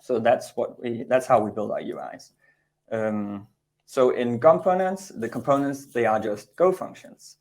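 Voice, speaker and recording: Man, thirties, from Denmark, creaky voice, informal lightning talk, conversational, mid pitch. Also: measured pace, a little mellow. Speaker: conference speaker, Go developer. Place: indoor room, video call.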